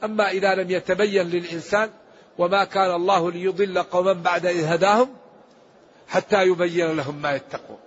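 Husky high-voiced man teaching religion. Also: steady tone, brisk. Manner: emphatic, explanatory, rhetorical questions. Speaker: Islamic scholar giving Quran commentary. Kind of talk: religious lesson. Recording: dull lo-fi recording.

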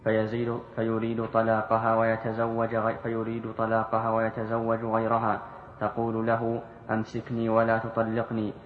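A man reading source texts aloud in a lesson, reciting in a steady way. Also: fairly low pitch, normal speed. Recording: echoey hall, phone-like sound, faint noise.

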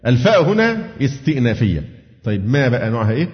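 A man's voice: medium pitch, big pitch swings, racing. A man with an Egyptian accent teaching a Quran commentary lesson, asking his students questions and answering them himself. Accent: Egyptian Arabic. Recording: dull lo-fi recording with long hall reverb.

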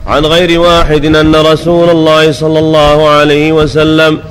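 A man, a student reading a classical text aloud to his sheikh in a measured, lightly chanted style. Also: a little high, monotone. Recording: echoey hall with faint ambient noise.

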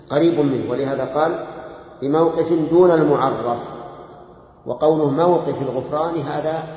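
A man's voice: medium pitch, a little mellow. Man teaching in an echoey hall. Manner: measured, recites verses slowly and repeats them. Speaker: religious teacher. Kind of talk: explaining a verse text in a lesson. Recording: echoey hall, dull lo-fi sound.

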